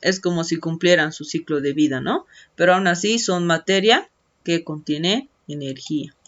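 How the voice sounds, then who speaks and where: A woman's voice: low voice, normal speed. A woman teacher patiently walking students through textbook activities step by step in an online lesson. She often adds a questioning tag and stretches out key words as she writes them. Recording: dull lo-fi screen-recording audio.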